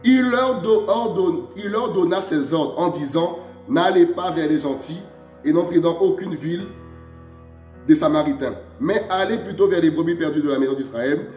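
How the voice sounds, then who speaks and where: A man with a high voice preaches an emphatic sermon, pushing his questions up and then sinking low to address his friends. His voice rings in a reverberant room. Soft music plays underneath. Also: moderate pace. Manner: emphatic, repeats "mes amis" in a low drop; rhetorical questions, rising exclamations.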